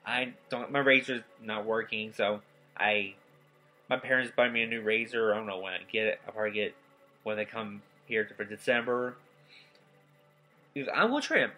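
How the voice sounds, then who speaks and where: Tired rambling young man, bright voice. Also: medium pitch, rough recording. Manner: rambling, halting, many restarts and fillers. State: tired and yawning. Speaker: gaming YouTuber. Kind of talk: rambling casual vlog update. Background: faint game soundtrack.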